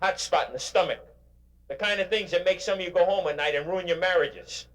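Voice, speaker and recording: An older man giving a motivational keynote speech to a live audience, in an animated, emphatic, preacher-like way. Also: sits high, a little fast. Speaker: motivational speaker.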